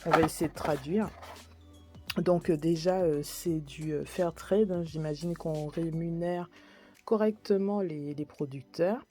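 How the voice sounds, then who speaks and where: A woman's voice: low-pitched, a little slow, warm tone, soft background music. A woman chatting casually through a shopping haul video, hesitant with many fillers, apologising for her English pronunciation. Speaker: vlogger.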